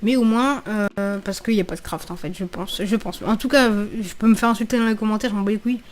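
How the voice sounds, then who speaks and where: A gaming video creator gives casual, slangy let's play commentary, swearing freely and thinking aloud while repeating her phrases. Her voice is mid-range and quick.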